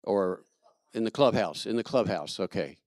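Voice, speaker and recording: A man from Kentucky, USA, serving as platform assistant, gives announcements at a church service, chatty, joking and full of fillers. His voice is on the low side and a little mellow with lively intonation at normal speed, recorded dry in studio quality.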